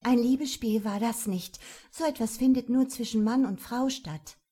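Audiobook: female narrator voices a proud, indignant young woman, slightly raised pitch. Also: normal speed, dark tone, slightly rough. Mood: defiant. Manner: defiant, indignant. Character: defiant young woman, once a princess.

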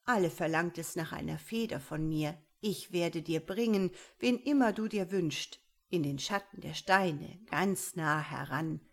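Storybook quetzal bird as a woman acts it, male, vain, sly, shrill, breathy edge. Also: measured pace. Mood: wheedling. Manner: shrill and theatrical, scolding then wheedling.

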